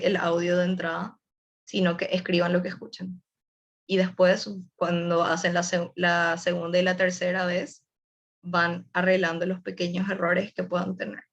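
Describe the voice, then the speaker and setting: A young adult woman gives a casual online webinar presentation, sharing tips and addressing her audience directly. Her voice sits on the low side with a level tone, moving at a normal speed over lo-fi sound.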